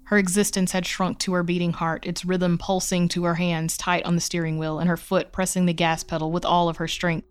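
A woman reading a horror short story aloud with measured, suspenseful narration. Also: fairly low pitch, level tone, smooth.

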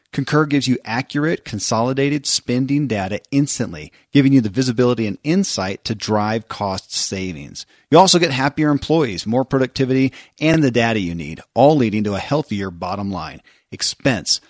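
A man's voice: mid-range voice, no echo, clean studio sound. A man hosting a motivational show, speaking earnestly and emphatically straight to listeners. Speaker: podcast host.

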